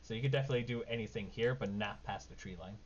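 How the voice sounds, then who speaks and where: A man's voice: fairly low pitch, racing. A man narrating as game master of a tabletop game, in a casual, informal way. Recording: dull lo-fi mic, background noise.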